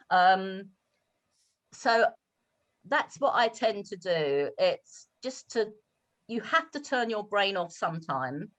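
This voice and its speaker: A woman's voice: fairly low pitch, muffled recording. A woman from the United Kingdom, a guest teacher, talking candidly and chattily on a video call, with hesitant restarts. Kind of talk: casual online talk.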